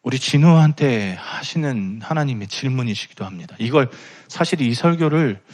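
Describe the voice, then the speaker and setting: A young man preaching a sermon in a church, impassioned and rising to emphatic pleading. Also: mid-range voice. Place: church sanctuary.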